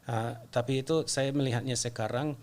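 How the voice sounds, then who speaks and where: Foreigner speaking halting Indonesian, middle-aged man. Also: mid-range voice, fairly even intonation, darkish tone. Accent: foreign-accented Indonesian. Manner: halting non-native Indonesian with repeated words and unusual phrasing. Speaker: interview guest. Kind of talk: casual earnest conversation.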